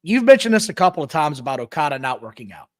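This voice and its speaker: A man co-hosting a podcast, talking in an animated, opinionated way in casual chat. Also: a little high, fast talker. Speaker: podcast co-host.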